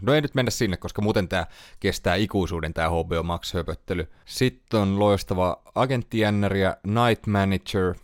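A man's voice: low-pitched, no echo, studio quality. A man hosting a casual solo podcast, chatting about series he recommends, thinking aloud and correcting himself as he goes. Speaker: podcast host.

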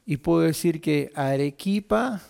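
Un predicador nacido en Argentina que da un sermón conversado y bromista ante una congregación. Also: male voice, a little high, expressive, a little slow, gravelly. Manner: warm, chatty, jokes with the congregation. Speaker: preacher. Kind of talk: sermon.

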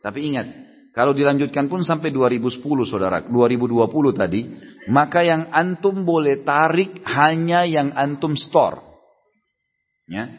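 Husky preacher in an echoey hall. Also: male voice, a little high, expressive, normal speed. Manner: conversational, acts out dialogues, rhetorical questions. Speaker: Islamic preacher answering questions. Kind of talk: sermon Q&A at a religious study gathering. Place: hall of a religious gathering. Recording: echoey hall, dull lo-fi sound.

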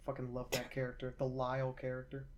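Low-voiced woman ranting podcaster. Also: fast, crowd noise. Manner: animated storytelling, exasperated rants. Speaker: podcast co-host. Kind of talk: casual chat.

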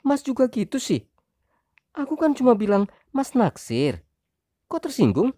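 A woman voicing a sharp-tongued young wife in an audio story, shrill and sarcastic as she argues with her husband. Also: wildly swooping pitch, measured pace, no room sound, clean studio sound, full character voice. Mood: snappy. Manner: shrill, sarcastic, rising indignation.

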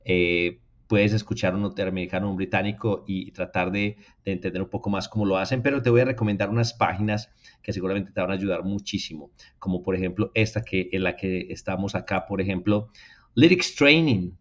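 Latin American male teacher, drills each word slowly, then talks fast to the viewers, slightly dull lo-fi sound. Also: low-pitched. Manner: addresses viewers directly, encouraging them to repeat. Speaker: English teacher. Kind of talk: spoken language lesson.

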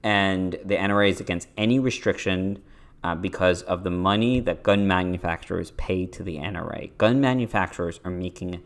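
Deep-voiced man explaining politics. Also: a little fast. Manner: explanatory, list-style points with fillers. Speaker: podcast co-host. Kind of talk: casual political commentary.

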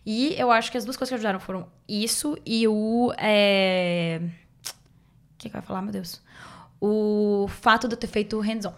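A woman's voice: medium pitch, steady tone, normal speed. Casting: young woman, informal interview guest, drops English jargon into conversational speech. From Bahia, Brazil. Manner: informal, sprinkles English medical terms into speech. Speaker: podcast guest, doctor. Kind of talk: casual interview storytelling.

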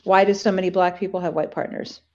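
A woman interviewer asking unhurried, probing questions in a conversational interview. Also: fairly low pitch, steady tone, darkish tone, highs cut off, a little hiss or hum.

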